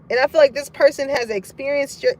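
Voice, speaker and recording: High-voiced woman giving a frank tarot reading. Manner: frank, profane and chatty, laughing often between points. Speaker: tarot card reader. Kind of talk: casual spoken tarot reading to a collective audience.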